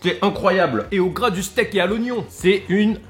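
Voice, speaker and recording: A young man hosts a casual cooking and eating vlog from his home kitchen, loud and exclamatory with a quick sense of humor and casual swearing. His voice sits quite high for a man. Faint music plays softly behind him. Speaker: food YouTuber.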